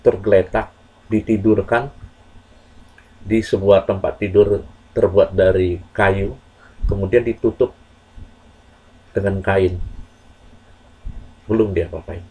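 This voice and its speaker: A man telling a moral story to children in a slow, earnest, measured way with pauses. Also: deep voice, steady tone, a little mellow, breathy edge, low-quality recording.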